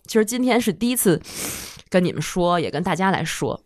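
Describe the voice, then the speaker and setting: A woman in her thirties, a guest on a talk show, telling an emotional personal story in a halting, heartfelt way. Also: fairly low pitch, expressive, dry recording, studio quality. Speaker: guest listener.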